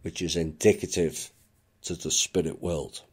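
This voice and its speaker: A man giving a reflective spoken monologue as a channel narrator, measured and unhurried, with occasional dry asides. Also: low voice, fairly even intonation, slightly rough.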